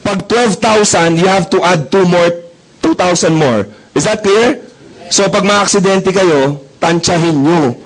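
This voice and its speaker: A young man pitching to a live crowd, full of jokes and little stories. He keeps turning to the audience with quick questions, and his voice sits a bit higher than most men's. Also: rough recording. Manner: joking, storytelling, asks the crowd questions. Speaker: marketing presenter. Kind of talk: comic sales talk to a live audience.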